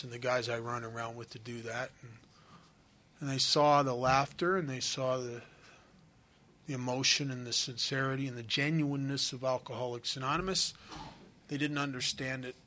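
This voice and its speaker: A middle-aged man giving an earnest, confessional personal testimony at a recovery meeting, with frequent halting restarts. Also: mid-range voice, bright, forceful tone.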